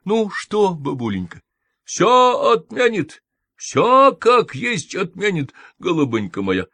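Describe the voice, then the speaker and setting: A man voicing a falsely sweet old woman nurse who soothes in slow, drawn-out tones. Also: a little high, big pitch swings, no echo, full character voice. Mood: coaxing. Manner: soothing, drawn-out, affectionate pet names.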